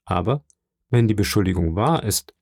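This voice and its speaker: A man's voice: fairly low pitch, lively intonation, moderate pace, gravelly, a little mellow, breathy edge, no echo, clean studio sound, heavily acted. A man voicing a young, ambitious royal prosecutor who speaks formally and courteously. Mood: earnest.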